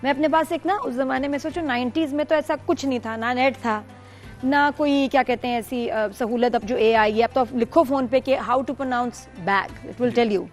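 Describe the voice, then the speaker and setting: A woman with a fairly high voice and a Pakistani Urdu accent co-hosts a studio chat. She talks chattily, gives advice and slips English phrases into her speech. Faint music plays behind her. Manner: chatty, advising, switches into English. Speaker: co-host.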